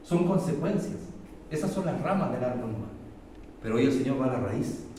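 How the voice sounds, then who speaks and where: Impassioned Chilean pastor in an echoey church. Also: male voice, expressive, a little fast. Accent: Chilean Spanish. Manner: impassioned preaching that swings between loud emphatic peaks and low confiding testimony. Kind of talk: sermon. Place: church hall. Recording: echoey church hall, mic far off, faint noise.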